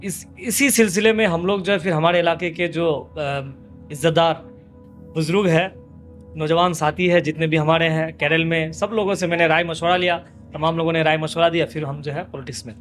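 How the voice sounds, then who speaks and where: A man's voice: fairly high pitch, fairly even intonation, fairly quick, faint music behind. A man, a local politician, answering interview questions in impassioned, repetitive rhetorical lists. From West Bengal, India.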